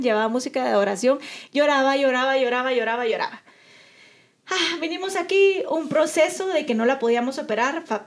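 A young adult woman, co-hosting a podcast in casual chat and earnestly telling a personal story while acting out what her relatives said. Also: sits high. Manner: earnest, acts out quoted relatives. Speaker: podcast co-host.

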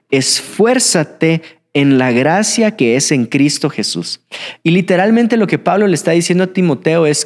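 A young man preaching a sermon, swinging between excited bursts and hushed, reflective passages. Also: fairly high pitch. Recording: hall with long reverb.

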